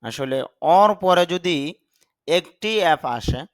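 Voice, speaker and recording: A man's voice: high voice, animated, slow, clear, resonant tone, dry recording. A man, a Bengali speaker, teaching English vocabulary in a patient step-by-step lesson and spelling words out sound by sound.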